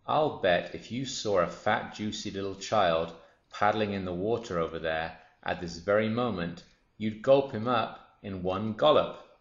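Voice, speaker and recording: An enormous, greedy crocodile from a children's storybook , played by a man, boasting with sinister relish. The words are drawn out gleefully in a low voice, in a roomy, slightly dull recording. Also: measured pace. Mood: scoffing. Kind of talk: children's storybook character reading.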